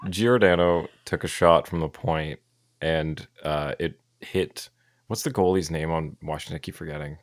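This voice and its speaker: A man co-hosting a hockey show in casual chat, telling stories in an animated way and acting out his reactions. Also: extremely low pitch, moderate pace, dry recording, clean studio sound. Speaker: co-host of a hockey talk show.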